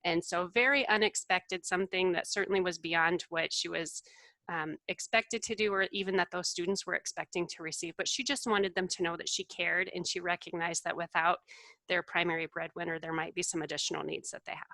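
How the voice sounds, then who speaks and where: A woman from Iowa who works at a community college, telling a story as a guest on a video call in a steady, matter-of-fact way. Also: lowish voice, a little fast, creaky, dry recording, poor audio. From Iowa, United States.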